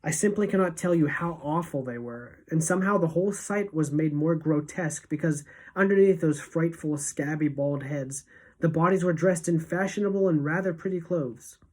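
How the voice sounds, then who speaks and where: A woman teacher reading a novel aloud to students, expressive and shifting between hushed and emphatic. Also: sits low, moderate pace, rough recording.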